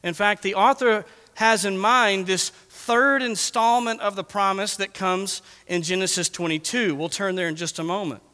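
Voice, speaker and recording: A man's voice: high-pitched, steady tone, moderate pace, few pauses, pushed and bright, clear, resonant tone, in a large hall. A man preaching a sermon in an emphatic way, repeating words for stress. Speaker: pastor.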